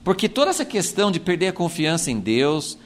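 Brazilian man, bible teacher, lively swooping pitch, fairly high voice, chatty teaching. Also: a little fast, slight background noise. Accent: Brazilian Portuguese. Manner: animated, acts out quotes, frequent "né" fillers.

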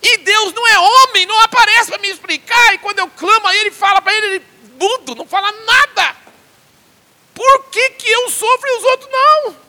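A man voicing Job, a suffering man crying out bitterly and pleading for an answer, in a high strained voice. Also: brisk, sharp tone, in a large hall, heavily acted. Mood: protesting.

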